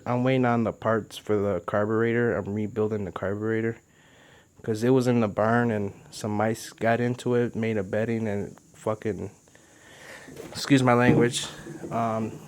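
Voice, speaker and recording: A man casually talking through a boat-building project step by step, chatty and relaxed, with plenty of fillers. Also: on the low side, slight background noise. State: a little out of breath. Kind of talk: casual how-to narration.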